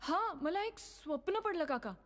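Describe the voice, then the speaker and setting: A jumpy, very high-voiced young wife. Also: female voice, expressive. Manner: flustered, quick denials. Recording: film soundtrack with faint music.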